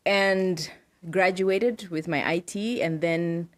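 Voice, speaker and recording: A middle-aged woman from Zimbabwe speaks in a fairly low voice as a podcast guest. She explains things patiently, ticking off examples one after another and dropping in quick "right" and "yes" replies. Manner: explains in lists, frequent affirming "right, yes". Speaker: podcast guest, data protection officer. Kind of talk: casual interview talk.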